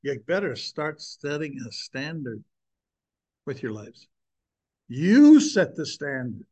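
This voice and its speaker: A man's voice: a little high, big pitch swings, slow, dark tone. An older man speaking earnestly and with emphasis, preaching and sharing a personal testimony with his listeners.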